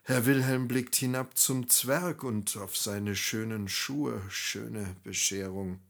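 A man narrating a scripted story in a wry, animated way. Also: mid-range voice, slow pace.

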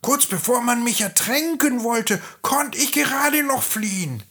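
A grumpy old cat from a storybook, hissing out her complaints in a sulky, whining voice, as a man puts her on. Pitched far above a man's normal range, with a thin, unusual timbre and a husky touch. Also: lively intonation, a little slow, pushed and bright, heavily acted. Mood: grumbling. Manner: hissy, sulky, whiny.

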